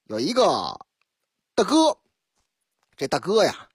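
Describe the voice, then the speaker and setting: A woman's voice: fairly low pitch, wildly swooping pitch, takes it slowly, husky, no room sound. A woman from Liaoning hosting a radio show, telling news stories in a chatty, dramatic, colloquial way and acting out the scenes. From Liaoning, China. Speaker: radio host. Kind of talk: storytelling news commentary. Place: radio studio. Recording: dry close studio sound.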